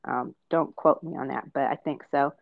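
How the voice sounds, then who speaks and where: A man co-hosting a casual pop culture podcast, chatty and animated, joking about his game show voice. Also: mid-range voice, moderate pace, vocal fry, no room sound, narrow, tinny audio. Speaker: podcast co-host.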